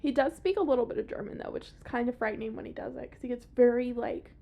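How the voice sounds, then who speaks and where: A woman's voice: on the high side, fast talker, creaky. Chatty young woman hosting a podcast, swears a lot, laughs easy, kinda muffled recording. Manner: chatty, giggly, swears freely. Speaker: podcast host. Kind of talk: casual chat. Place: small podcast room.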